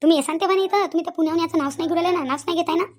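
An angry young fiancée, voiced by a woman, speaks very fast in a high voice with a Vidarbha Marathi accent. She fires accusing questions and repeats them over and over. A cartoon role. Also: fairly even intonation, noisy background. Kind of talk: cartoon voice acting.

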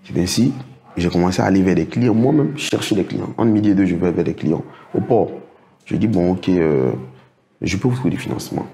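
Slight background noise sits behind this middle-aged man's low, creaky, warm voice as he talks fairly quickly. A project financing consultant and guest in a casual interview, he tells anecdotes and acts out what other people said to him.

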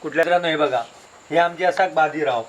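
Speaking quickly in a slightly high voice, this Konkan Marathi-accented man casually vlogs in a village and forest, chatty and teasing as he points things out to viewers. The rough recording carries a little hiss or hum, with insects and birds audible behind him.

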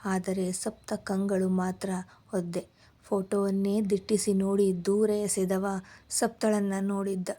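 A woman reading a serialized romance novel aloud as a storyteller, in an even, steady delivery. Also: medium pitch, unhurried.

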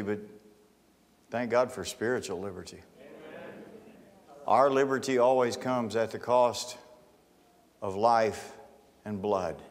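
A middle-aged man preaching a sermon as pastor, emphatic and building to forceful declarations. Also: lowish voice. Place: large church sanctuary, on stage. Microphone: handheld mic, then pulpit mic. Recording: long church hall reverb with faint music.

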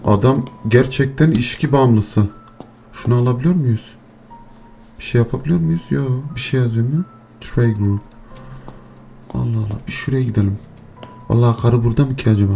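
A man's voice: mid-range voice, moderate pace, creaky, long pauses, mellow, faint music behind. A man hosting a horror game let's play, talking to his viewers, muttering nervously and swearing and shrieking when startled. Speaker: gaming channel host.

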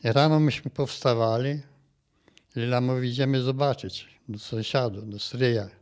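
A man in his eighties from Volhynia, giving his testimony in an interview in a plain, halting way and often ending phrases with a quick tag question. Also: mid-range voice, steady tone, darkish tone. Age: 80s. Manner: plain halting telling, tags phrases with "nie?". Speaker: interviewee, massacre survivor. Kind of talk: recounted personal testimony.

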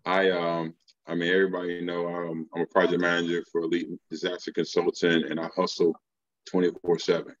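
A man's voice: low-pitched, completely flat delivery, fairly quick. An American man speaking in casual slang on a video call with dull audio.

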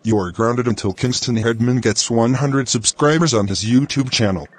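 A man's voice: medium pitch, moderate pace, husky, lightly acted. A man's synthetic voice playing an angry father who scolds his son.

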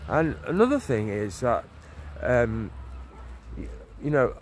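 A man in his forties, a street preacher, records a walk-and-talk preaching vlog on a leafy town street and through a park, holding his phone camera at arm's length. His mid-range voice is very animated yet slow, and he speaks earnestly but rambles, restarting often and saying "you know" a lot. Faint street noise and passing cars can be heard.

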